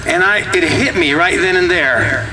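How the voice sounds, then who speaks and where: A man's voice: high-pitched, expressive, normal speed, over music, low-quality recording. A man giving an informal political rally speech, conversational yet emphatic.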